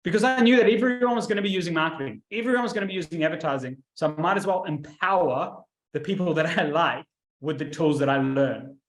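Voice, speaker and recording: A man speaks casually to camera as a marketing coach, his voice sitting a little high. He tells his stories with lively, animated asides. The sound is roomy, with a clear echo around him. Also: fast. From New Zealand. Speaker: marketing coach and video host.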